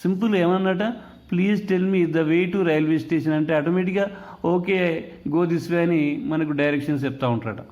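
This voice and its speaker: శ్రద్ధగా వివరించే మగ ఇంగ్లీష్ టీచర్, కొంచెం ఎత్తు స్వరం. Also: male voice, on the high side, darkish tone. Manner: explains in Telugu mixed with English words, reads English quotations slowly. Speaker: English teacher. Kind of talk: lesson explaining an English text.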